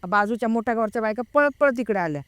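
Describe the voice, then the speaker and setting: Smooth-voiced woman telling a story. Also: on the high side, expressive, no echo. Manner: hesitant, pauses often to recall details; reenacts a friend's frightened words. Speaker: guest recounting a personal experience. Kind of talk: casual first-person storytelling.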